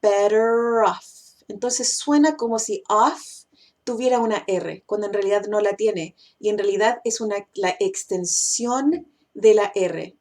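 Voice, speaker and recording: In a mid-range voice with a darkish quality, a woman gives a relaxed English pronunciation lesson. She leans on "eh" fillers as she thinks and stretches the English examples as she says them slowly.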